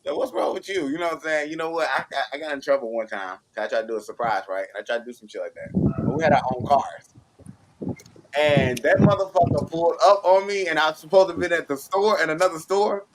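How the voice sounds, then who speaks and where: A man's voice: a little high, fast. A man telling rambling, profane stories in casual chat, acting out both sides of old arguments and often saying "you know what I'm saying". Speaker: podcast co-host. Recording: noisy recording with clicks.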